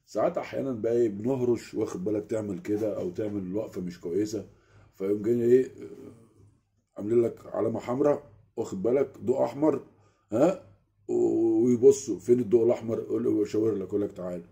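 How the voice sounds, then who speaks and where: Fast-talking gravelly Egyptian man. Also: on the low side. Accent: Egyptian Arabic. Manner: animated, keeps asking the listener "you get it?". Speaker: vlogger. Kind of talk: casual storytelling rant. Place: small room at home.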